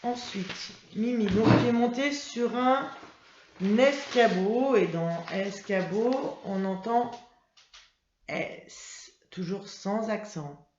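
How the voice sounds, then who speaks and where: A woman's voice: medium pitch, slow, background noise. A woman teacher giving a reading lesson to young children, patiently spelling out letters and sounds. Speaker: primary school teacher. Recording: roomy, slightly dull sound.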